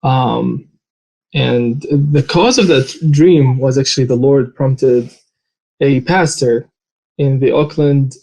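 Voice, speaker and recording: In a poorly recorded interview, a man from Saudi Arabia shares a sincere personal account, stopping often to say "uh." He is a native Arabic speaker with a Saudi Arabian accent, and his medium-pitched voice sounds creaky and dark.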